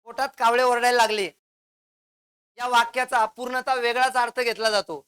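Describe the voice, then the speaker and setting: A male teacher giving a classroom grammar lecture, explaining step by step with examples and firing quick questions at the class that he answers himself. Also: very high-pitched, little pitch movement, a bit bright, clean tone.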